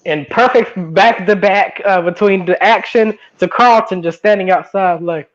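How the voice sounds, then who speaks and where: A man's voice: sits high, moderate pace. A man joining a podcast as a guest, laid-back and chatting casually about a TV series. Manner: laid-back, laughs often. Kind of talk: casual podcast review chat. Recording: dull lo-fi sound.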